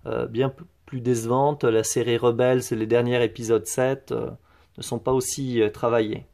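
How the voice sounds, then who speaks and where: A man's voice: mid-range voice, level tone, normal speed, creaky, a little mellow. A man giving a casual show-and-tell tour of his collection, hesitant, with many fillers and restarts.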